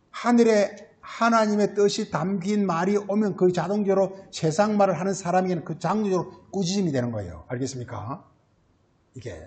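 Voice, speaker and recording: High-voiced man preaching a sermon. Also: a little mellow. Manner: asks questions and answers them himself, with many filler words; ends phrases with a repeated tag word. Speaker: pastor. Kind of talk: Sunday sermon.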